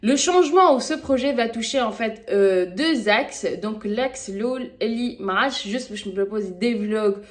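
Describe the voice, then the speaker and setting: A Tunisian woman with a Tunisian accent chats casually and spontaneously in a podcast vlog, switching freely between French and Tunisian Arabic and hesitating often. Her voice is a little high and unhurried, with hardly any pauses.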